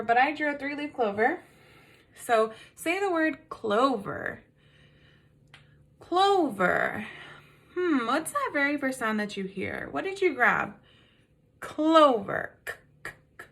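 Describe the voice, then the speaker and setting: A woman's voice: a little high, animated, fairly bright tone. A woman teaching a phonics lesson to kindergarten children, patiently prompting them with questions. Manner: slow, sing-song, patient prompting with questions.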